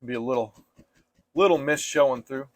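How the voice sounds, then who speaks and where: A man teaching painting step by step in a casual, gentle and reassuring way, like an easygoing instructor. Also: mid-range voice, normal speed, no room sound.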